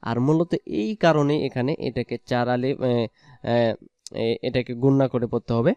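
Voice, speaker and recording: Clear-voiced male Quran teacher. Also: mid-range voice, fairly even intonation, mellow, no echo. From Bangladesh. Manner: brisk explanations between slow, drawn-out recitation. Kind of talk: Quran reading lesson.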